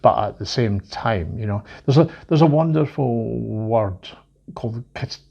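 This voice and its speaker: A man co-hosting a casual advice conversation, easygoing and animated, saying "you know" often. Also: mid-range voice, measured pace, creaky, slightly rough. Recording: dull lo-fi sound.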